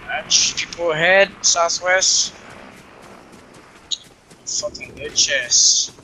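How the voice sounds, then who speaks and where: Young male game streamer, frat-bro slang and cursing, unhurried casual delivery, noisy gameplay backdrop. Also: on the high side. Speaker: gamer streaming to viewers. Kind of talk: casual live gaming chatter. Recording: noisy game sound behind voice.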